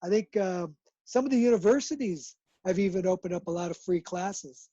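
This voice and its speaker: A man's voice: high voice, a little fast, mellow, dry recording, muffled recording. Easygoing man, dry close sound. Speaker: guest. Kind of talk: casual video-call chat.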